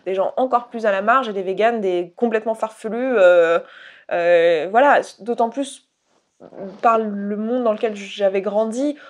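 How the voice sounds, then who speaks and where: A woman's voice: mid-range voice, measured pace. Chatty young woman from Haute-Savoie. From Haute-Savoie, France. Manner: chatty, many restarts and fillers, candid. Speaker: YouTuber. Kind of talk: casual vlog monologue.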